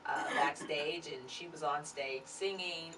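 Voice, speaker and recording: A woman's voice: sits low, steady tone, unhurried. Chatty woman talk show host, far from the mic, noisy background. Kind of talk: interview hosting.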